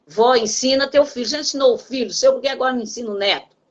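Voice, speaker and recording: A woman's voice: on the high side, very fast, muffled recording. Older Brazilian woman pastor preaching. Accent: Brazilian Portuguese. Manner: earnest, preachy, addresses listeners as "brother". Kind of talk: sermon on a broadcast program.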